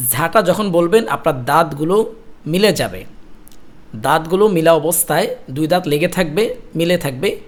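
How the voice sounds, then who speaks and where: Slow, lively-pitched Quran teacher. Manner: models each letter slowly, drawn out, then repeats it; explains mouth and tongue positions patiently. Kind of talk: online Arabic alphabet lesson.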